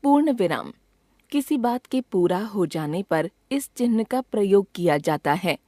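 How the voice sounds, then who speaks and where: A woman reading a grammar textbook lesson aloud in a measured, even way, pausing clearly after each item. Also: mid-range voice, no echo, clean studio sound. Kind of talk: scripted lesson narration.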